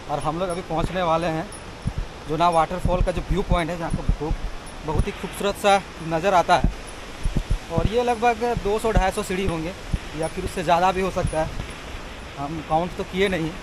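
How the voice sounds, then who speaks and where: A man's voice: high-pitched, normal speed, long pauses. Young male travel vlogger, raised voice, selfie-cam outdoors, noisy background. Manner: chatty, touristy, praising the sights. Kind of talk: casual travel vlog narration. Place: outdoors in forest and by a waterfall. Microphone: phone or camera held at arm's length.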